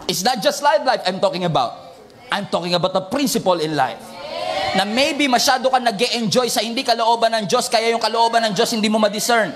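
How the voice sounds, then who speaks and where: A man, a pastor preaching a sermon in a mix of Tagalog and English, swinging from shouted points to low joking asides. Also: a little fast, background noise.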